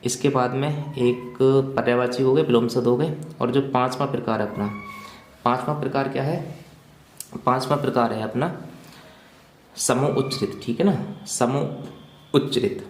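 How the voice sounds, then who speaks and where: A man's voice: mid-range voice, moderate pace, reverberant, slight background noise. A male teacher giving an exam-prep grammar lesson, asking questions and answering them himself, with lots of repetition while he writes out examples.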